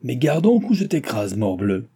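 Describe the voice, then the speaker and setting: A man voicing a blunt, impatient coachman in an audiobook, with a brusque, shouting manner. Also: mid-range voice, big pitch swings, normal speed, slightly rough. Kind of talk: audiobook character voice.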